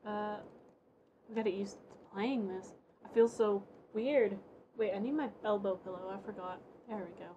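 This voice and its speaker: A woman's voice: mid-range voice, moderate pace, mellow, lo-fi sound, slight background noise. A woman giving casual live game commentary, informally thinking aloud to herself and her viewers. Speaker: game streamer.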